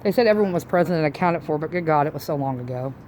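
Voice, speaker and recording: Low-voiced woman casually ghost hunting, noisy recording. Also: lively intonation, rapid-fire, a little mellow. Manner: blunt, informal, swearing. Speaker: amateur paranormal investigator. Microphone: phone camera. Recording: noisy on-location phone video recording.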